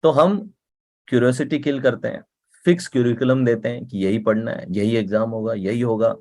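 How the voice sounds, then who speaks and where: A man's voice: medium pitch, fairly even intonation, moderate pace, mellow. A man giving a motivational talk in a conversational way, often checking in with the listener and repeating words for emphasis. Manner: conversational, often asks "ठीक है?" and "right?".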